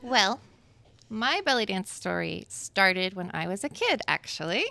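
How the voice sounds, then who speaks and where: A woman in her thirties from Florida, USA, appears as a guest dancer at a live podcast event in Miami, telling her story candidly and chattily and laughing easily. Her mid-range voice is bright, forceful, very animated and unhurried, with vocal fry, picked up by a live event microphone with slight background noise.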